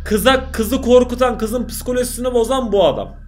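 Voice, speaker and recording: A man's voice: very high voice, a little fast, darkish tone, faint music behind. A man commentating casually on a video he is watching, jumpy and exclaiming at the screen. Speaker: YouTuber reacting to a video.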